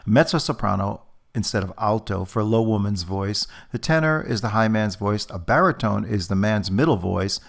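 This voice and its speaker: A man's voice: on the low side, creaky, fairly bright tone. Man teaching a music lesson. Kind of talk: recorded music lesson narration.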